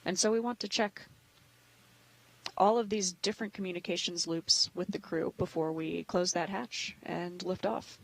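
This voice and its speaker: A woman's voice: on the low side, fairly even intonation, normal speed, vocal fry, rough recording. A woman co-commentating on a launch broadcast, explaining things in a conversational way.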